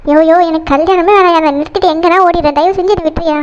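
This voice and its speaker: A woman's voice: extremely high pitch, steady tone. Woman voicing a fiery, scolding cartoon bride. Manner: sharp, scolding, quick retorts. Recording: dull lo-fi sound.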